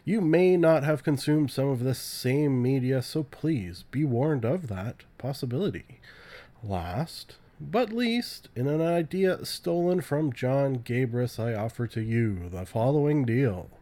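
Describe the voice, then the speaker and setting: A man's voice: mid-range voice, unhurried, few pauses, dark tone. Man, sick voice, podcast host, rambling, self-deprecating, casual solo talk. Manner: rambling, self-mocking, many filler "uh"s. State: sick, voice deepened by illness.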